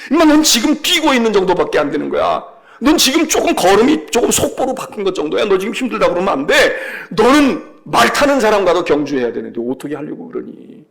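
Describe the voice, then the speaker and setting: A male pastor playing God bluntly scolding a complaining prophet, in a gravelly, lively voice. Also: sits high, fast, full character voice.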